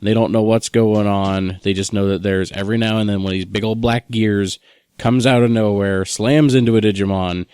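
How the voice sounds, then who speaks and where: A podcast co-host, a man chatting casually with friends. His voice sits a little low, and he rambles through long, nerdy explanations. The sound is dry and close, with no room in it. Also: fairly even intonation, moderate pace, a little mellow, clean tone, no room sound. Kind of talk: casual chat.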